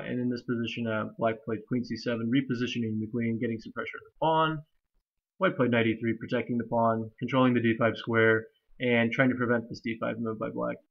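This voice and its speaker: A man's voice: mid-range voice, creaky. A young man with a nasal, stuffy voice from allergies, casually walking through a chess game with many fillers and restarts. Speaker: chess commentator. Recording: slightly dull lo-fi recording.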